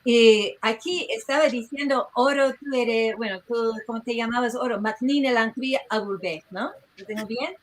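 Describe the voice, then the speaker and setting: Lively woman with a slightly high voice. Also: moderate pace, hardly any pauses, poor audio. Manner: lively and digressive, often breaking off mid-phrase. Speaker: researcher presenting at an online tribute. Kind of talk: informal presentation to an online audience. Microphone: video call microphone.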